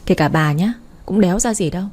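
A woman's voice: on the low side, fast talker, darkish tone, natural voice. A woman reading an audiobook, voicing a spiteful, hysterical young woman hurling bitter accusations.

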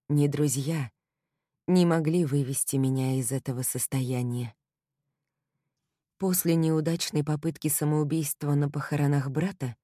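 Female audiobook narrator, low-ish, measured, subdued, dry close mic. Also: warm tone, no echo. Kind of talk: first-person scripted narration.

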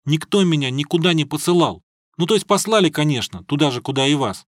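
A man's voice: a little high, lively intonation, quick pace, no echo, studio quality. A man voicing a naive, earnest young male student who pleads and blurts out whatever he thinks, in an audiobook. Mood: pleading.

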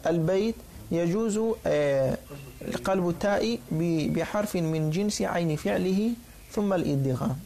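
A man teaching a class, repeating each form slowly and checking that his students follow. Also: high-pitched, a little mellow, a little hiss or hum. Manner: patient, repeats and drills forms, checks understanding; halting restarts while explaining. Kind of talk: classroom lecture.

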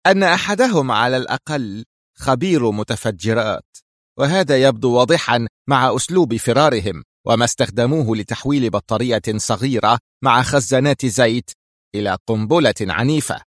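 A man voicing a cold, sharp-tongued female agent who speaks with stern, cutting precision. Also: mid-range voice, expressive, brisk, dry recording, clean studio sound, close to an everyday voice. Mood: icy stern.

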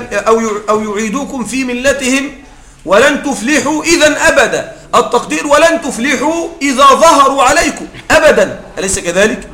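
High-voiced man teaching grammar, echoey. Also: bright, forceful tone. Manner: explanatory, checks in with listeners often; halting restarts mid-word. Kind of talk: Arabic grammar lecture.

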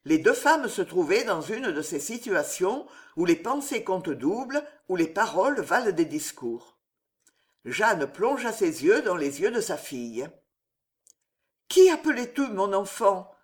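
Slow, expressive woman reading a novel. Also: lowish voice. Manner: expressive, measured storytelling. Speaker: audiobook narrator. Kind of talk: scripted narration of a historical novel.

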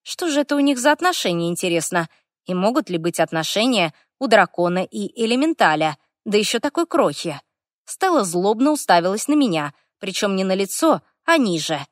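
A woman narrating a first-person fantasy audiobook. Her reading is wry and lively, with ironic asides. The sound is close and completely dry. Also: mid-range voice, a little fast, dry recording.

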